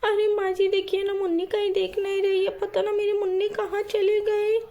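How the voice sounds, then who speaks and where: A woman's voice: very high voice, completely flat delivery, moderate pace, warm tone, pitched above the performer's own voice. A woman voicing a panicked young mother crying over her missing baby. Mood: distraught. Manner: wailing, panicked.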